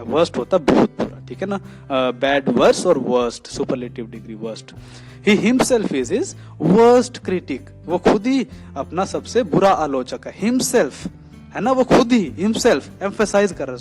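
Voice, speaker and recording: A man teaching English grammar in Hindi mixed with English. He keeps checking that students follow and reads the example sentences slowly, stressing each word. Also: on the high side, darkish tone. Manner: explains slowly and often checks "theek hai na?".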